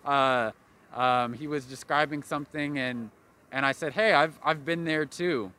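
A man's voice: mid-range voice, unhurried, bright, forceful tone. A young man sincerely sharing advice and a personal story in a street interview outdoors, into a handheld mic. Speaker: passerby.

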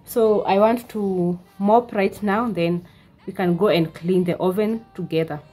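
A woman's voice: medium pitch, steady tone, a little slow, mellow, faint music behind. A woman in her twenties chatting casually in a home vlog, with frequent "uh" fillers, recorded in her living room. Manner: chatty, with many "uh" fillers and restarts. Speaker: vlogger.

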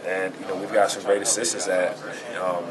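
A man in his twenties answering questions in a casual interview, informal and halting as he thinks aloud. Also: sits low, flat delivery, poor audio. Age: 20s. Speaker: basketball player being interviewed. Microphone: handheld camera and recorders held near. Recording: loud crowd chatter behind the voice.

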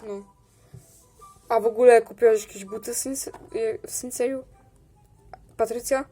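A woman improvising a toy role-play, switching between several chatty schoolgirl characters and often raising her pitch and volume. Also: darkish tone.

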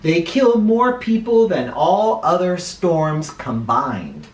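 Reading aloud to children in a small indoor living room, a middle-aged American man plays picture book reader and host, mixing in spoken asides. He sounds expressive and dramatic, pressing on words deliberately, with a voice on the high side. The sound is roomy and echoey.

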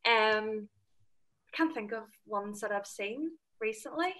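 A young woman with a Northern Irish accent, appearing as a panel guest, chats casually on a video call from a room at home. Her voice sits on the high side and she speaks slowly but animatedly, enthusiastic and full of fillers. The laptop webcam mic catches a noisy background.

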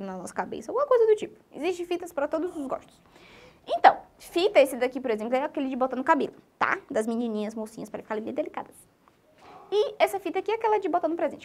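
A Brazilian woman teaching a literacy lesson to young children, in an animated, sing-song way and speaking straight to them. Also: high voice. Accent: Brazilian Portuguese.

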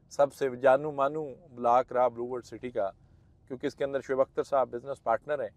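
A man's voice: mid-range voice, darkish tone, no echo. A man with a Pakistani Urdu accent giving a persuasive, emphatic sales commentary on a property site tour from a moving car. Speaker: property marketing host. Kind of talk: site-visit vlog commentary.

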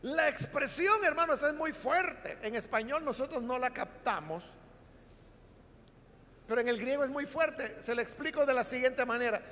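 Salvadoran pastor guy, really high bright voice, explaining scripture and asking the church questions, long echo off the hall. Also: lively intonation, moderate pace, slight background noise. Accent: Salvadoran Spanish. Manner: explanatory, addresses the congregation with rhetorical questions. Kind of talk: Bible study sermon.

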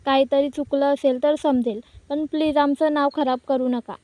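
A woman voicing a panicky male bank manager who pleads, in her own high, dry voice. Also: steady tone, normal speed, a little mellow, no room sound, close to an everyday voice. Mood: pleading. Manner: retold in the narrator's own voice.

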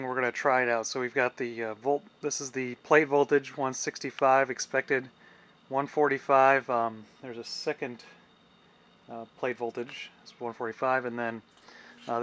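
In a casual technical demonstration, a radio restorer narrates his own repair, thinking aloud as he works. His mid-range voice is a bit bright, and the background noise comes through clearly.

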